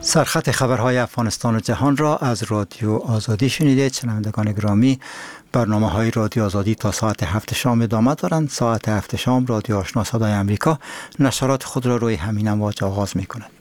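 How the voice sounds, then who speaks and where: A man's voice: lowish voice, darkish tone. A man with an Afghan accent formally announcing programmes as a radio presenter.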